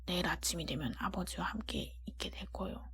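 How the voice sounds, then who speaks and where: A woman voicing a gentle, lovelorn male beast from a storybook in a hushed, breathy whisper, formal and tender. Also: lowish voice, fairly quick, natural voice. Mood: resigned, sorrowful.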